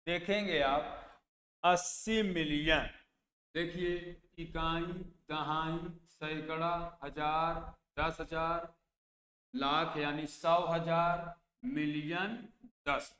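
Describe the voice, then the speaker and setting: A male math teacher speaks very slowly with fairly even intonation, his slightly high voice pushed and bright. He repeats place values for exam prep, asking and answering his own questions, in an echoey room with long reverb and faint noise.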